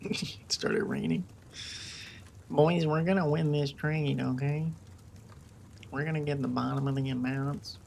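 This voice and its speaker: A man's voice: fairly high pitch, expressive, unhurried, gravelly, long pauses, darkish tone, slight background noise. A man streaming live from home, giving casual, hyped-up commentary on his trades. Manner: hyped, cheering the market on.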